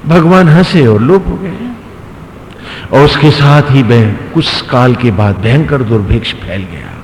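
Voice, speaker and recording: A man's voice: mid-range voice, animated, measured pace. A male swami telling a devotional story in a sermon, with dramatic, rising and falling delivery. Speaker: swami, spiritual preacher. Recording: echoey hall, faint background noise.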